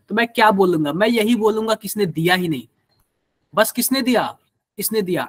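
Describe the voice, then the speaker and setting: High-voiced Hindi-speaking chemistry teacher. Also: male voice, fairly bright tone, dry recording. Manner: asks the class questions, everyday examples. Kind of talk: live online class.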